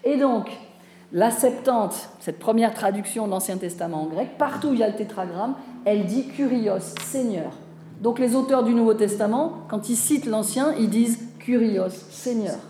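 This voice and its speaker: A woman lectures to a class in a mellow, warm voice, chatty and engaging, forever checking that her listeners follow and putting questions to them. The sound is roomy, with a clear echo off the walls. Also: a little high, moderate pace, a little hiss or hum. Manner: conversational, often asks listeners questions and checks with "vous voyez", "hein". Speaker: Bible teacher. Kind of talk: live lecture with audience questions.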